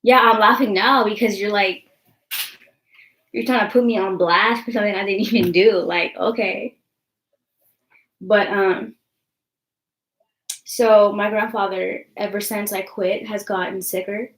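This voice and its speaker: A woman's voice: mid-range voice, fairly even intonation, a little slow, long pauses, a bit bright. A young woman talks straight to her viewers in a loose, rambling live-stream chat, full of likes and ums. She is blunt and defiant and swears without a second thought. Her voice sits in a roomy, echoing space. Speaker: vlogger.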